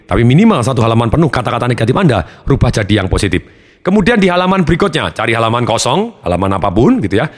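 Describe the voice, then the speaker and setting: A man giving a motivational audio lesson, emphatic and animated, with sudden pitch swings for stress. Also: very fast. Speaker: motivational speaker. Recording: long hall reverb.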